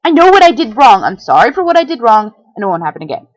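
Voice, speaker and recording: Brief: woman doing a sardonic young unicorn mare, wry and deadpan, fairly high voice with lively lilt. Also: quick pace, no echo, low-quality recording. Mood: weary. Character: dry sarcastic female unicorn musician. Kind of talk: fan fiction reading.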